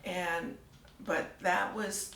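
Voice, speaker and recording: An older woman telling her story in a casual interview, soft-spoken and trailing off into near-whispers. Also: fairly low pitch, steady tone, drawn-out words, gravelly, a little hiss or hum. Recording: echoey room, mic at a distance, faint ambience.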